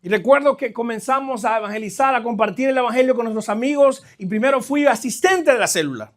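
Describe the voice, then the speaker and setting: A middle-aged guest pastor from New Jersey, from a Caribbean family, preaches a live sermon with personal testimony to a church congregation. His Caribbean Spanish-accented voice is very high-pitched and fairly bright, and he speaks conversationally and haltingly, addressing the people directly.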